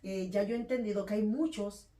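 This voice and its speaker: A woman from the Dominican Republic with a Dominican accent, talking loudly and quickly in a casual conversation about faith and handling anger. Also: mid-range voice. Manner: loud, fast, animated talker. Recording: echoey room, voice from a distance.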